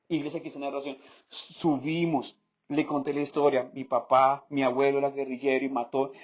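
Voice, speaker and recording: A man from Colombia with a Bogotá accent, a pastor telling a story in a sermon and acting out the voices of people in it. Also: on the high side. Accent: Bogotá Colombian Spanish. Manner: animated storytelling, acts out quoted voices. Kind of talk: sermon testimony. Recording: slightly dull lo-fi sound.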